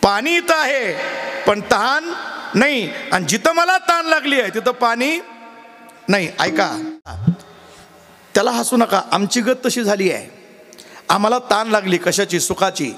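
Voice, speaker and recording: A man's voice: very high voice, lively intonation, a little slow, long pauses, bright, forceful tone, long reverb tail. A man with a Marathi accent preaching a devotional kirtan sermon, telling a story and acting out the voices in it. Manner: acts out quoted voices of a husband and wife.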